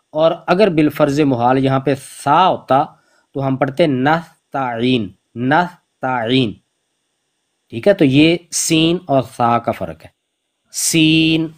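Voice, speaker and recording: A man teaching Quran recitation over an online call, speaking slowly and patiently and repeating each letter sound to demonstrate it. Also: a little high. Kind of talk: online pronunciation lesson.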